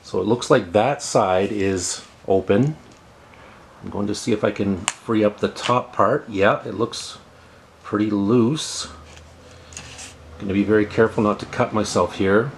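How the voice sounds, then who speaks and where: Against slight background noise, a middle-aged man hosting a repair video explains hands-on steps in a plain, casual way, repeating words for emphasis. His voice is lowish with vocal fry, and he speaks at a measured pace.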